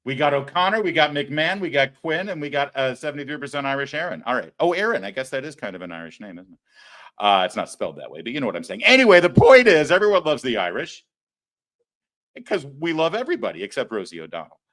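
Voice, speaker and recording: A man's voice: medium pitch, sing-song, quick pace, fairly bright tone. A man hosting a political talk show, sarcastic and mocking, laughing at his own jokes. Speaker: show host. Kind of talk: opinionated political commentary.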